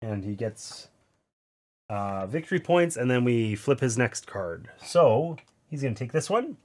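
This thirties-aged man has a nasal, mid-range voice that's sing-song, slightly slow, and a little mellow. He's at a gaming table indoors, narrating a board game play-through in a relaxed way and dropping wry comments as he explains each move.

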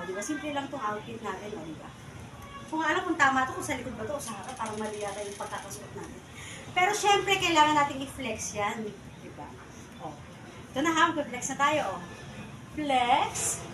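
A woman vlogger in a bubbly, teasing, playful chat, heard on a camera mic some distance away. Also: sits high. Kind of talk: playful casual vlog chat. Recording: echoey room, voice from far off, background noise.

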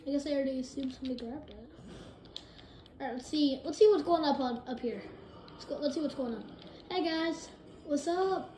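A woman giving excitable live gameplay commentary, jumping between hyped shouts and low mumbles. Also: fairly quick, pauses often. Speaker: gaming video creator. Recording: roomy echo with faint noise.

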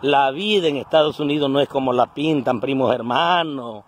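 Here a mid-range male voice moves at normal speed as a vlogger in his forties, with a coastal Guerrero Mexican accent, chats casually and earthily to camera. He holds his phone at arm's length for this colloquial selfie monologue, starting in a house before heading out to the roadside.

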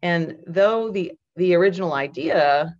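A woman keynote speaker presenting over slides in a measured, explanatory way, with frequent ums and restarts. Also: on the low side. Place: indoors at home on a video call. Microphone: computer mic on a webcam call. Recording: dull lo-fi video call audio.

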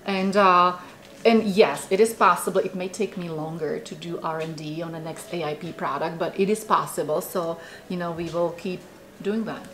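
A woman's voice: lowish voice, fairly even intonation, moderate pace, fairly bright tone, a little hiss or hum. A woman from the Czech Republic in her forties with a Czech accent, chatting animatedly in an interview in a small office, with many fillers. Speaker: food company founder. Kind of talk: casual interview chat. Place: small office with bookshelves, indoors.

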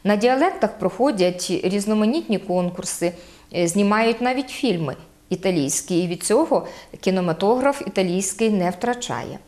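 A woman from Podillia speaks with a Podillia Ukrainian accent, her voice sitting at an ordinary middle pitch. She explains dialect features in a halting way, filling pauses with drawn-out sounds and slowing down to set word pairs side by side. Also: expressive, darkish tone. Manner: hesitant, frequent "e" fillers, spells out sounds slowly. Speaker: guest explaining local dialect.

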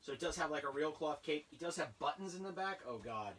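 A man's voice: on the high side, fast, recorded from a distance, a little hiss or hum. Chatty man unboxing toys in a basement. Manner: chatty, rambling, excited asides. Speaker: toy collector vlogger. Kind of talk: casual unboxing chat. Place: cluttered basement room full of toys. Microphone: camera a few feet away.

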